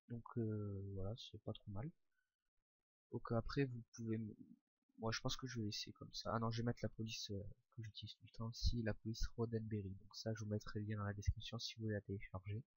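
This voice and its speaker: A young man talking through a casual screen-recorded software tutorial, informal and hesitant, with frequent fillers as he clicks along. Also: lowish voice, slightly rough, no echo. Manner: hesitant, many "euh" fillers, relaxed and informal. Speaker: tutorial maker.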